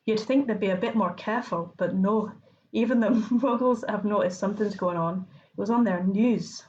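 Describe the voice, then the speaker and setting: A woman's voice: mid-range voice, normal speed, highs cut off, lightly acted. Woman putting on a stern Scottish professor. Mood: impatient. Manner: clipped, irritable, sharp. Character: stern older woman professor, brisk, impatient.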